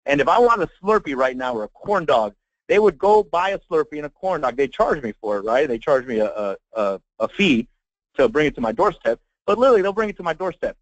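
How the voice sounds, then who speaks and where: American male marketing trainer, slightly high voice, folksy and emphatic hard sell on a live online session, muffled lo-fi call audio. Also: sing-song, brisk, no room sound. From Texas, United States. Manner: emphatic sales pitch, folksy, addresses listeners directly. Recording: dull lo-fi web conference audio.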